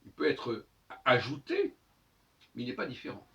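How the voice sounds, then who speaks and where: A man's voice: medium pitch, huge pitch swings, normal speed, vocal fry, a bit bright. A man giving a spoken monologue lesson, teaching by repeating words over and over to sound them out. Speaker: lecturer on language and astrology. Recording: dull audio from a distant mic.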